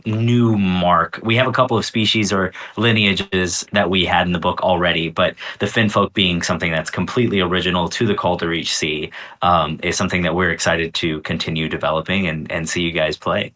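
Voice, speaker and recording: A game designer chatting enthusiastically in a casual livestream Q&A, rambling and laughing often. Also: male voice, low voice, steady tone, a little fast, hardly any pauses, pushed and bright.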